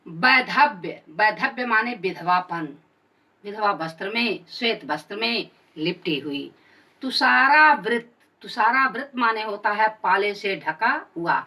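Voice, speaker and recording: Hindi teacher, bright voice, unhurried. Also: female voice, mid-range voice, far from the mic, rough recording. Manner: reads verse lines then paraphrases and glosses words. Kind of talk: classroom lesson explaining a poem.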